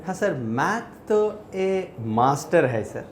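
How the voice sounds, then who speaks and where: A man's voice: fairly high pitch, big pitch swings, slow pace, slight background noise. A male math teacher telling a joke about subject teachers in a humorous way, mixing Hindi and English. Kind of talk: joking anecdote. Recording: roomy echo.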